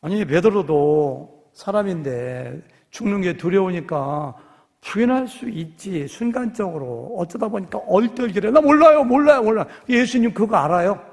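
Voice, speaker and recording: A man's voice: sits high, animated, unhurried, vocal fry, darkish tone, in a large hall. A man preaching a sermon as pastor, telling stories animatedly and acting out dialogue in different voices. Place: church sanctuary.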